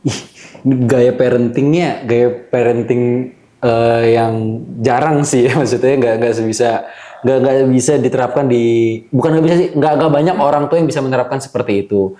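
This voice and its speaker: A man hosts a podcast in a relaxed, chatty way, often laughing and restarting his sentences. His voice has a dark, mellow tone. The room adds a noticeable echo. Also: medium pitch, moderate pace. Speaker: podcast host. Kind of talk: casual conversational interview. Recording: roomy echo.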